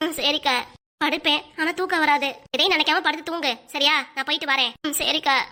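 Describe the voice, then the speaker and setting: A woman with a Kanyakumari Tamil accent voices every neighbour in a village comedy cartoon. Her voice sits high and the lines come out fast, in quick, bickering gossip. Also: steady tone, sharp tone.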